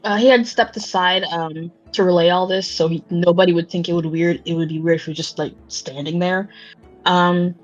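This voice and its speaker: A woman's voice: on the low side, fairly even intonation, normal speed, faint music behind. A woman player in a tabletop game, thinking aloud hesitantly, on a slightly dull lo-fi mic. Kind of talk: casual tabletop game chat.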